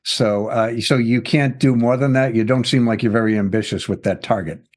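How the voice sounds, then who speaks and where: A man hosts a casual podcast interview, chatty and self-deprecating, dropping plenty of "you know" fillers. His voice is medium-pitched and a little mellow, with fairly even intonation at a moderate pace.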